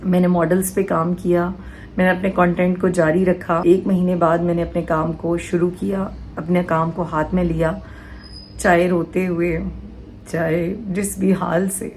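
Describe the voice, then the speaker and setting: A woman's voice: lowish voice, little pitch movement, darkish tone, a little hiss or hum, poor audio. A woman in her thirties answering viewers' questions in an earnest, emotional vlog from a small room at home. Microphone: camera in front of her. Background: faint household sounds from outside.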